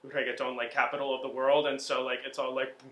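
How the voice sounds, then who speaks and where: A young man in his twenties from Miami speaks in an easy, reflective interview style, circling back and restarting his sentences as he thinks. His voice is bright and forward, and it rings around a noticeably echoey room. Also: medium pitch, little pitch movement, quick pace. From Miami, Florida. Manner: reflective, loose, many fillers and restarts. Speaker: theatre student and singer-songwriter. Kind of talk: casual sit-down interview.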